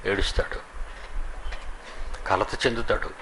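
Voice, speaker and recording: A man's voice: on the low side, little pitch movement, takes it slowly, fairly bright tone, a little hiss or hum, rough recording. A man preaching a sermon, scolding and mocking as he acts out quoted people.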